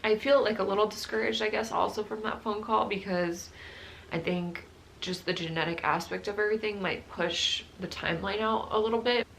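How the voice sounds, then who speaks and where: A woman's voice: mid-range voice, steady tone, a little fast, vocal fry, fairly bright tone, slight background noise. A young woman talking candidly to her phone camera in a personal video diary, rambling and reflective. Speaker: vlogger.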